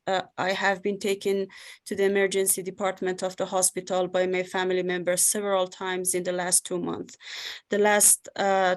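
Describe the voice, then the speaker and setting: A woman from Afghanistan with an Afghan accent, giving personal testimony in halting English as she searches for words. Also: lowish voice. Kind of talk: personal testimony in a panel interview.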